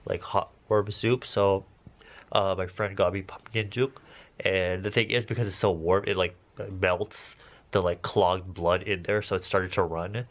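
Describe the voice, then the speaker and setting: A man's voice: sits low, fairly even intonation, a little slow. A man chatting casually to camera as a vlogger, congested from nose surgery, with playful, campy asides. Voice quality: congested, blocked-nose sound after nose surgery.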